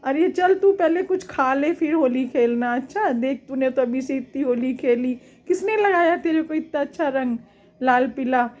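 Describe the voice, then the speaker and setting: A woman's voice: high voice, normal speed, a little mellow, lightly acted. A woman voicing an older, affectionate mother who coaxes her daughter to eat. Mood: coaxing. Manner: affectionate, coaxing. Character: older mother, loving and fussing.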